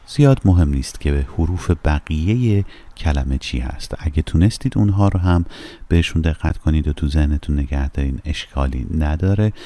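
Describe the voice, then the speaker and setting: A man giving a recorded language lesson, explaining letters and slowly repeating example words for learners to copy. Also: extremely low pitch, mellow, no room sound. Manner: slow, careful pronunciation drills. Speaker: language teacher.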